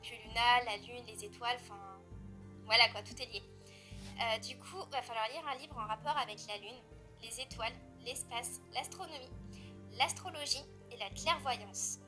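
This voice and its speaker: A chatty French woman with a slightly high voice talks about her books. She rambles, fills pauses and corrects herself mid-sentence. Music plays clearly behind her. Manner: chatty, rambling, with frequent fillers and self-corrections. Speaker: book vlogger. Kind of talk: casual chat.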